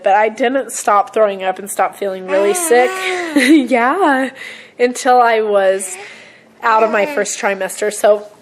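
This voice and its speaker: A young woman vlogging at home to her camera, hoarse from a cold, chatting in a rambling way with many ums and throat-clearing. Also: medium pitch, poor audio. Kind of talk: casual vlog chat to camera. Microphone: camera set on a surface.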